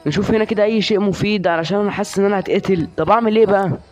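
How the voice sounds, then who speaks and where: A man's voice: sits high, racing, music in the background. A young man with an Egyptian Arabic accent commentating his own shooter game live, chatty and teasing his opponents.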